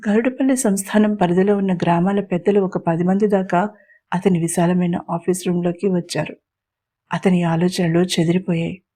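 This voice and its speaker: A woman reading a story aloud as the narrator and voicing every character herself. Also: mellow. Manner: voices all the characters herself with small pitch shifts.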